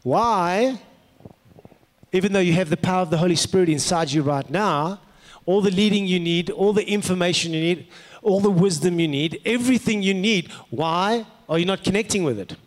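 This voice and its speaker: A man's voice: high voice, moderate pace. A man with a South African accent preaching as a pastor, conversational, telling personal stories and putting rhetorical questions to his listeners. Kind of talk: sermon with personal anecdotes. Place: large indoor hall, preaching to an audience. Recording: echoey hall with long reverb.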